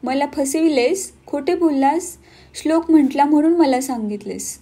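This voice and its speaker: A woman's voice: high-pitched, moderate pace, dark tone. A woman voicing a loving but stern village mother, speaking firmly and reproachfully. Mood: stern reproach. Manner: firm, reproachful.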